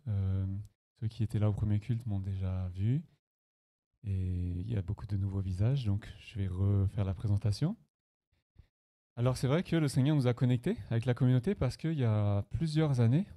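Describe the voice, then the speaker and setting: A man from France, a pastor, telling his personal testimony to a congregation in a conversational, storytelling way. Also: fairly low pitch. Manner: conversational, warm personal storytelling with light laughs. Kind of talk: sermon testimony. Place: church hall.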